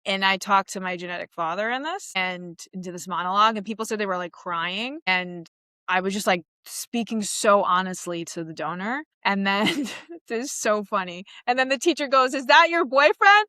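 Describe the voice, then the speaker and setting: Bright, animated comedian woman from Queens. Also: medium pitch, normal speed, dry recording. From Queens, New York. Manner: animated, laughing, acts out quoted voices. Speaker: comedian guest. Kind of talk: casual interview chat.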